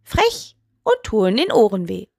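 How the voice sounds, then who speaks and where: A woman's voice: medium pitch, huge pitch swings, unhurried, gravelly, dry recording, studio quality, exaggerated voice. A woman voicing a bratty talking toe. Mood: cheeky. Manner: insulting, smug, bratty. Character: cheeky rude little talking big toe.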